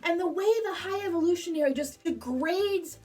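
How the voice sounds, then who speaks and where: A woman's voice: extremely high pitch, moderate pace, darkish tone. A woman reviewing a film in a casual vlog, emotional and gushing, full of "like" fillers, her voice a little distant from the mic. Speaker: movie reviewer.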